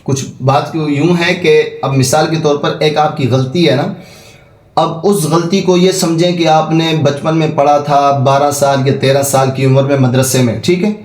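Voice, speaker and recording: A man leads an online Quran lesson in a calm, reassuring way, slowing to a chant when he recites for his student to repeat. His voice sits a little high. The call audio sounds echoey. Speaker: Quran teacher.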